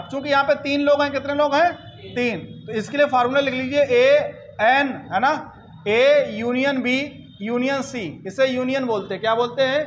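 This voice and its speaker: A man teaching an exam-prep math lesson, repeating each point and checking in with quick questions to his listeners. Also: very high-pitched, fairly bright tone, muffled recording, slight background noise.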